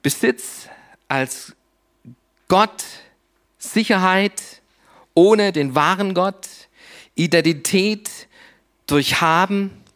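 A man preaching a sermon, speaking in short, deliberate phrases with long pauses, often dropping to a soft, low voice for emphasis.

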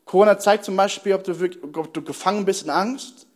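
A young adult man preaching a sermon as pastor, earnest, asking the congregation rhetorical questions and slowing down to stress key words. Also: high voice.

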